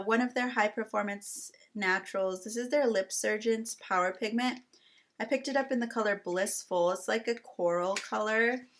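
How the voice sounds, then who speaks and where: A woman's voice: medium pitch, a bit bright. A young adult woman chatting casually as she shows off beauty products, with frequent fillers. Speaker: beauty vlogger. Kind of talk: casual product haul chat.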